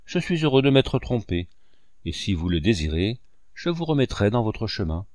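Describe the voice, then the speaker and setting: A man's voice: lowish voice, sing-song, normal speed, no room sound, clean studio sound. A man voicing a scheming male swindler who speaks with irony and veiled threats. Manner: ironic and quietly threatening. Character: scheming middle-aged man, villainous swindler, veiled menace.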